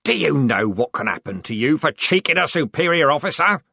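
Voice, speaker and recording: Brief: petty, whining little corporal, loud and shrill, man voicing. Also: lively intonation, unhurried, dry recording, clean studio sound, full character voice.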